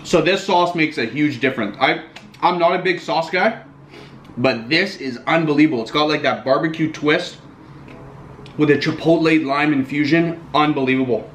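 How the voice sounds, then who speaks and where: A man's voice: fairly high pitch, moderate pace, a bit bright, slight background noise. A young man casually reviewing packaged meals to camera, chatty and always calling his viewers guys. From Italian. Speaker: food vlogger. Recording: echoey room.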